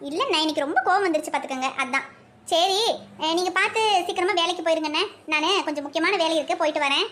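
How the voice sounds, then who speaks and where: A woman's voice: very high-pitched, very fast, fairly bright tone, slight background noise. A woman voicing a hot-tempered young husband in a cartoon, with a Kanyakumari Tamil accent, grumbling indignantly.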